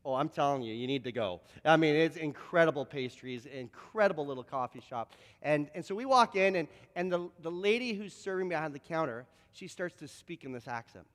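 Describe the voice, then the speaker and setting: A man preaching a sermon, telling lively anecdotes and often repeating words as he restarts his sentences. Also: on the high side, brisk, hardly any pauses, big-room sound. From Canada, Toronto. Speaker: pastor. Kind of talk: storytelling sermon.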